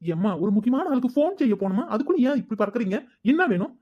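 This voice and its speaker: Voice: medium pitch, big pitch swings, fast talker. A voice actor playing a moody, lovesick young man in a cartoon, speaking in a sullen, snapping manner. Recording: dull lo-fi recording.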